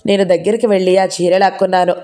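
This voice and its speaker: Mellow-voiced woman narrating a novel. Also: on the low side, quick pace. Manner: steady storytelling. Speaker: audiobook narrator. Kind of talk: first-person novel narration.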